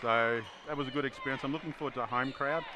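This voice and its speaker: A man's voice: mid-range voice, fairly even intonation, fast. A middle-aged man with an Australian accent, chatting casually as a guest in a live interview. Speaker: interview guest, player's father. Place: indoor basketball gym during a game. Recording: very loud gym crowd and bouncing balls.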